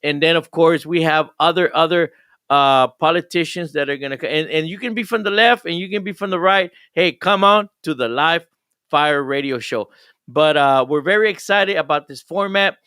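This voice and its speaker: A man's voice: a little high, normal speed, bright, forceful tone, smooth, no room sound, studio quality. An older man, a pastor hosting a live radio show, talking in an enthusiastic, rambling way with frequent restarts.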